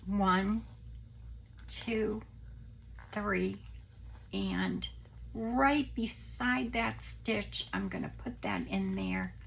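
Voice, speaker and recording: Her voice croaky and mid-range, an unwell craft tutorial host works through a demonstration gently and casually, pausing as though thinking aloud. Despite the hoarseness, her pitch swings widely, and at times it fades to a papery whisper. It's a low-quality recording.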